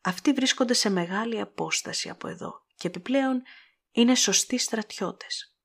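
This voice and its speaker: A woman's voice: fairly high pitch, breathy edge, pitched above the performer's own voice. Woman doing an earnest, fussy middle-aged man. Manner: earnest, explaining, mildly reproachful.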